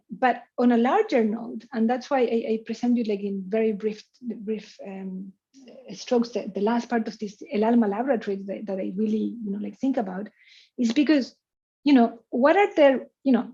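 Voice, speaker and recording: A Chilean woman, invited to give an online lecture, takes questions afterward, talking freely, laughing often and using lots of "you know" and "like". Her voice is on the high side and mellow. She's on a video call mic, and the audio is muffled.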